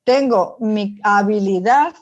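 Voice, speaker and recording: A woman psychologist, interviewed as a guest, explains her opinions informally and emphatically, often posing rhetorical questions. Her medium-pitched voice is slow, and the audio is dull and lo-fi.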